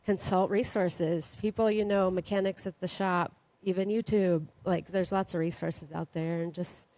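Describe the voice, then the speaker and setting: A woman in her forties, a panel guest, giving advice in a relaxed and hesitant way with many fillers. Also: fairly low pitch, moderate pace, no echo. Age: 40s. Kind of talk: casual panel chat.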